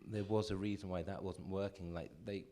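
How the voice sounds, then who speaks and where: A man speaks on a festival film panel in a very low, mellow voice. He muses haltingly, restarting his sentences, and turns wry and self-deprecating. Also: level tone. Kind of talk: reflective panel talk. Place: cinema cafe panel.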